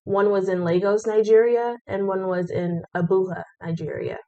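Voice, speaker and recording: A woman's voice: medium pitch, steady tone, normal speed, warm tone, highs cut off. A woman explaining findings in a plain, informative way. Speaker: scam investigator. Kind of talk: explanatory conversation.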